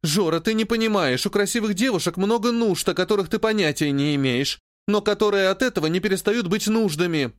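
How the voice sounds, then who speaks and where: A man's voice: high voice, a little fast, hardly any pauses, dry recording, clean studio sound, pitched above the performer's own voice, natural voice. A male audiobook reader voicing a capricious, spoiled young noblewoman who whines and sobs at her brother. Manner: whiny, petulant, sobbing.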